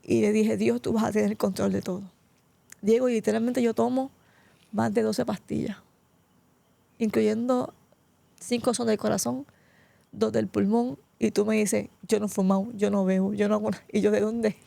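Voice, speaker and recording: A middle-aged woman tells her life testimony as a guest, heartfelt and close to tears. Her voice is deeply gravelly and mellow. The recording is dry and close. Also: flat delivery, moderate pace, no echo. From Puerto Rico. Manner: tearful, heartfelt storytelling, often addressing the host by name. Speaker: pastor, interview guest. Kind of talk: emotional personal testimony.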